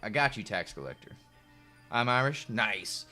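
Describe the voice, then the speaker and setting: Laid-back man, bright voice. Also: fairly low pitch, big pitch swings, normal speed. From United States. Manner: rambling, laid-back, many fillers and restarts. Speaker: chess streamer. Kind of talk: casual live-stream chat. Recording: faint music behind.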